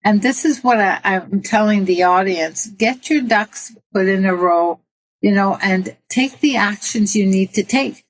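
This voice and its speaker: A woman's voice: medium pitch, measured pace, low-quality recording. An older woman from Italy, a guest in an interview, talking earnestly about her own life and giving advice, laughing at herself now and then. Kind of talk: personal interview.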